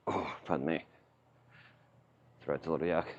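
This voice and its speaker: A muffled male voice, low in pitch, speaks through a face mask with an Australian accent. He rambles in a plain, casual way, like someone vlogging on foot. The audio is dull, with faint outdoor noise behind him. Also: fairly even intonation, normal speed. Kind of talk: casual rambling walking vlog. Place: outdoors, walking along town streets. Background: faint outdoor ambience.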